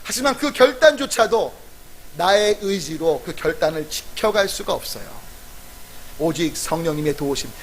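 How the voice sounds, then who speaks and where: High-voiced emphatic male pastor. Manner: emphatic, calls out to the congregation and acts out prayers; swings from loud to soft, almost whispered. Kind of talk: sermon.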